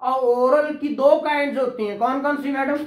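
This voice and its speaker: This very high male voice holds a fairly even intonation and moves at normal speed, with a roomy sound around it. The speaker is a law teacher who questions his class, praises correct answers, and keeps repeating the important terms.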